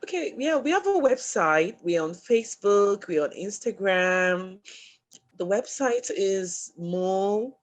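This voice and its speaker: A woman, a foundation founder, talking earnestly and emotionally as an interview guest over a video call, often repeating words. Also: fairly low pitch. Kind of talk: casual interview.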